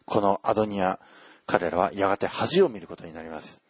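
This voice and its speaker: A man preaching a sermon and reading scripture aloud, earnest and emphatic, with frequent filler pauses. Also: low voice, husky, no echo. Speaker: pastor.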